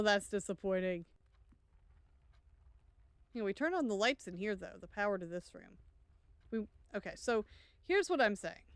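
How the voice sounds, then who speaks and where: Smooth-voiced woman thinking aloud while gaming. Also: medium pitch, a bit bright, no room sound. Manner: thinks aloud, chatty and wry. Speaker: let's play streamer. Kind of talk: live gameplay commentary.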